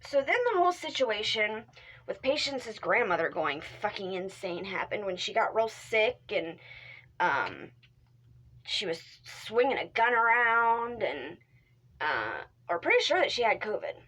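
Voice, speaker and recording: Young female vlogger, middle-pitched, casual and rambling, candid with the odd swear. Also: big pitch swings, unhurried, sharp tone, poor audio. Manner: rambling, frequent fillers and restarts; drops into whispered asides. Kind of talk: casual talk to camera.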